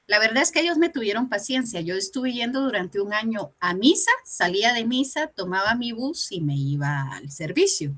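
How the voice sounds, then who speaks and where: A woman's voice: on the high side, very animated, normal speed, hardly any pauses, fairly bright tone. A woman giving a personal testimony during a church Bible lesson, telling her story animatedly and acting out the dialogue.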